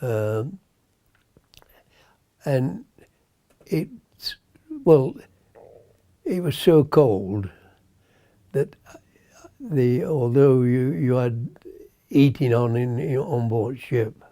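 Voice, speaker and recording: A centenarian British man speaks as an old veteran remembering his navy days. His voice is very mellow and dark, and his pace is slow. He halts often, hunting for words and letting phrases trail away, in a dry acoustic. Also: mid-range voice, expressive, no echo. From Britain. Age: 100. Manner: halting, searching for words, trailing off.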